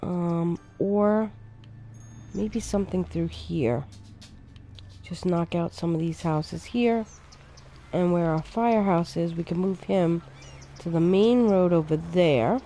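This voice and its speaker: A woman's voice: fairly low pitch, soft background music. A woman streaming a city-building game, casually thinking aloud as she plays and sounding a little sleepy. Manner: relaxed, thinking aloud, unhurried. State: sleepy, yawning. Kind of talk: casual gameplay commentary.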